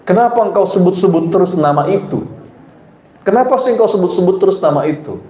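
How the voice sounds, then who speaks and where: Man quoting a jealous young wife, indignant and questioning, dark tone, roomy hall. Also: high-pitched, lively intonation, brisk, voice pushed up. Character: jealous young wife scolding her husband. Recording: roomy hall with faint ambience.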